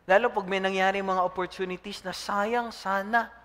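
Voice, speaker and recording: A man, a pastor preaching a lively sermon, often calling out to the congregation for a response. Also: sits high, normal speed, in a large hall. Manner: preaching in mixed Tagalog and English, call-and-response with congregation.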